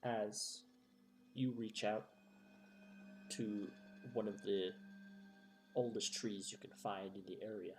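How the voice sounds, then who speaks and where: A man running a tabletop role-playing game as game master, narrating scenes and calling for rolls in a measured way. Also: fairly low pitch, steady tone, a little hiss or hum.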